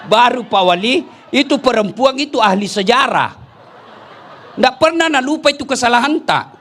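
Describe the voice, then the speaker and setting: A man preaching a lively, humorous sermon, telling stories with bursts of shouting and laughter. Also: extremely high pitch, normal speed, slight background noise.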